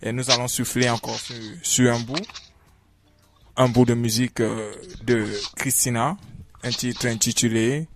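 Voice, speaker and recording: A man hosting a radio interview, talking with many halting fillers. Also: mid-range voice, little pitch movement. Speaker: radio host.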